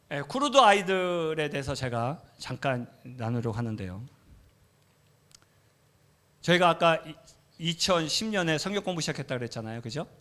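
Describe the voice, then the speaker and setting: A man's voice: mid-range voice, fairly bright tone. A Korean man who is a missionary preacher, telling a story in a church sermon in a conversational way, with frequent affirming fillers and acted-out voices. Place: church sanctuary.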